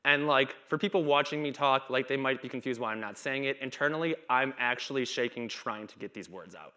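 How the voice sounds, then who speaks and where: Fairly quick and mid-range, this man's voice comes across pushed and bright as he chats his way through a conference talk. He's in his thirties on a dark hall stage, and he stutters, repeats himself and blocks at times.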